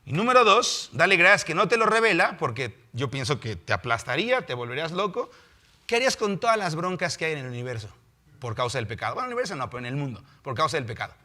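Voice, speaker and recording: Mexican male preacher, higher voice, lively sermon delivery. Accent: Mexican Spanish. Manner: animated, acts out biblical figures in quick voices. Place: house of prayer.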